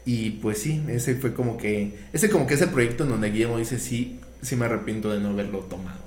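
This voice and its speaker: A man's voice: medium pitch, fairly quick. Man, casual podcast storyteller, acts out the quotes, echoey room, faint ambient noise. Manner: animated retelling, acts out quoted dialogue. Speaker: guest telling film history.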